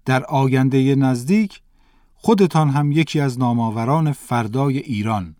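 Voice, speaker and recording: A man reading aloud the part of a kind, good-natured bookseller of about fifty in a storybook lesson, in a gentle, welcoming manner. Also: mid-range voice, dry recording, clean studio sound, natural voice.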